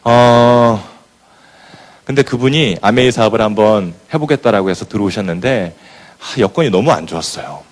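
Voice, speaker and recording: A man's voice: fairly low pitch, normal speed. A man giving a motivational talk to business partners, telling stories and acting out scenes as he goes. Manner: animated storyteller who acts out scenes. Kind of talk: motivational speech with storytelling.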